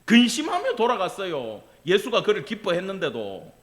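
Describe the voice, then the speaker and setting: A man preaching a sermon as pastor, swinging between quiet asides and loud cries, with casual spoken asides to the congregation. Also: high-pitched, huge pitch swings, moderate pace.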